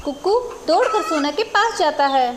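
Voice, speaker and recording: High-voiced woman narrating a storybook. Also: normal speed, a little hiss or hum. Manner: steady, simple narration.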